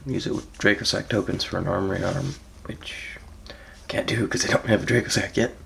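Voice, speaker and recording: In a whisper, a gravelly, low-voiced man who seems to have just rolled out of bed talks casually through his card deck. He hesitates often, says um a lot, and lets his sentences drift quietly away in a laid-back manner.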